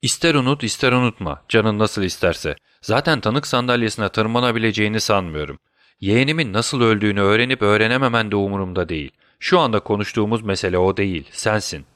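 A man's voice: lowish voice, fast talker, a bit bright, no echo, clean studio sound, close to an everyday voice. A man voicing a sly, gloating doctor villain in an audiobook, mocking and taunting his victim. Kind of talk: audiobook character voice.

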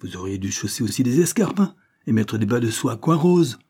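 A man reading an audiobook, voicing an irascible, sarcastic older spinster who scolds in loud outbursts. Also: mid-range voice, big pitch swings, brisk, husky, pitched above the performer's own voice. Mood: angry. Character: irascible sharp-tongued older spinster woman.

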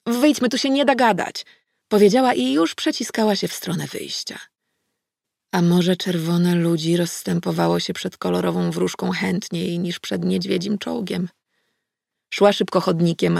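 A woman narrating an audiobook in the first person, in a steady storytelling manner. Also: on the low side, normal speed, vocal fry, breathy edge, no room sound, clean studio sound.

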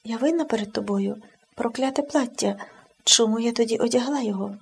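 A woman's voice: a little high, a little fast, creaky, husky, full character voice. A woman reading as a tearful pleading friend. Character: remorseful young woman begging forgiveness.

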